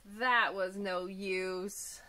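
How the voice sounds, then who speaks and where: A woman teacher reading a storybook aloud to young children, gentle and clear, with small asides about the pictures. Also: medium pitch, fairly even intonation, very slow, slight background noise.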